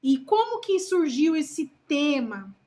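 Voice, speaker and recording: A Brazilian woman with a high voice chats to camera as a first-time mother vlogging about parenting. She talks slowly and earnestly and asks her viewers a lot of rhetorical questions. She softens her words with little diminutives. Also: sing-song. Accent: Brazilian Portuguese. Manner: calls herself loud-spoken. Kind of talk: casual talk to camera.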